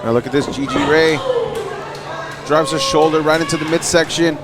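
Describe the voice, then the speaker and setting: A man's voice: a little high, steady tone, moderate pace, heavy background noise. A man working as a wrestling commentator, narrating the action move by move. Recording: loud music and crowd behind. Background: wrestling crowd and music.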